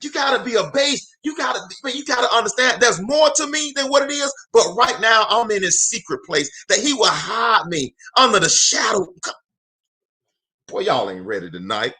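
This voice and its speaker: A motivational host in his 40s speaks live at a moderate pace, his high voice very animated, pushed, and bright. He adopts a preacher-like rhythm, repeats phrases for emphasis, and reaches out to viewers.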